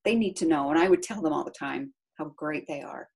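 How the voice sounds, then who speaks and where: A middle-aged woman talking about being a caregiver, chatty and animated, laughing often as she tells a story. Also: deep voice, a little fast, creaky, breathy edge. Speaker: guest, caregiver to her husband. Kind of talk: casual interview storytelling.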